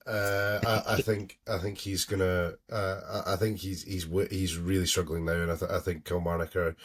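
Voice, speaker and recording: Deep, hesitant man. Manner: hesitant, many ums and restarts. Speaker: podcast co-host. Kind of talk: casual podcast chat.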